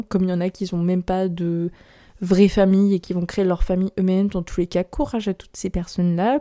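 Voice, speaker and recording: A young woman hosting her own podcast, talking candidly in a rambling, quick way and laughing nervously now and then. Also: medium pitch, warm tone. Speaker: podcast host. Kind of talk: personal solo podcast talk.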